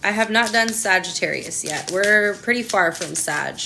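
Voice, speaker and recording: A woman's voice: medium pitch, normal speed, vocal fry, noisy background. A young woman reading tarot cards and chatting with her viewers, passionate and ranting as she talks. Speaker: tarot reader. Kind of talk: casual tarot reading answering live chat.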